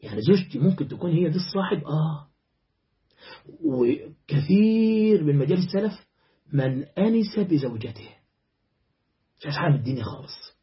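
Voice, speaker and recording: A man with an Egyptian Arabic accent preaching a sermon, impassioned and rising to fervent exclamations, chanting verses slowly. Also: a little high, very animated, highs cut off.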